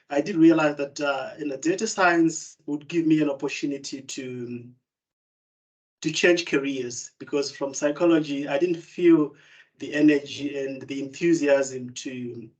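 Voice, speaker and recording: A young Zimbabwean student speaks in an online open day presentation on a video call, full of fillers and restarts. His voice sits on the high side, and the audio is poor.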